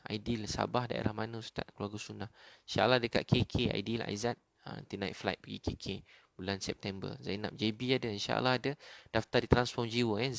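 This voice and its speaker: A middle-aged Malaysian man preaching gently and consolingly, answering viewer comments in a sermon. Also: on the low side, gravelly, no room sound. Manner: soft, gentle and consoling, often dropping to a near murmur. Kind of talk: live-streamed sermon reading viewer comments.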